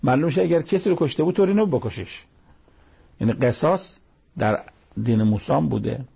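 A man's voice: medium pitch, expressive, gravelly, warm tone, slightly rough. A man giving a religious lecture, explaining with everyday examples and quoting Arabic verses.

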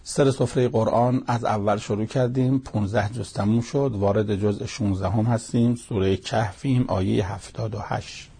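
A man's voice: fairly low pitch, fairly even intonation, vocal fry, warm tone, husky. A man giving a Quran commentary talk, retelling the stories in a colloquial storytelling way, his voice rising at the outbursts. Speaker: Quran teacher.

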